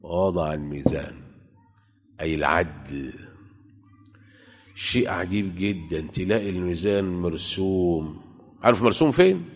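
A man with an Egyptian Arabic accent preaches a sermon emphatically, putting rhetorical questions to his listeners. His voice sits low and is animated, at a moderate pace with long pauses, and a long hall reverb surrounds it.

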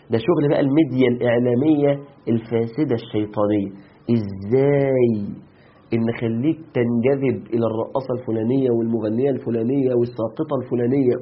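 A man with an Egyptian accent delivers a rapid religious lecture in a husky voice, asking rhetorical questions and counting off his points. The recording is dull and lo-fi. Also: mid-range voice. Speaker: preacher.

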